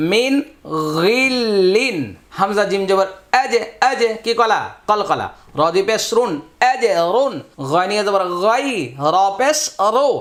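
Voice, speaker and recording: A man teaching Quran reading, spelling out syllables one by one and then drawing whole words out slowly. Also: sits high, a bit bright. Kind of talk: slow letter-by-letter spelling lesson.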